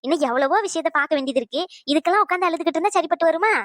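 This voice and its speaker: Motherly cartoon mom, quick and reassuring, fairly high voice, a woman voicing her. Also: no room sound, clean studio sound. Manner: reassuring, motherly, fast-talking. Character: caring middle-aged mother, warm but bossy. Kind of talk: cartoon voice acting.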